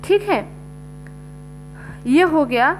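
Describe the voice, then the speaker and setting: A woman teacher's high, expressive voice draws out words as she slowly explains a lesson step by step, often saying "ठीक है." The low-quality recording has a faint mains hum.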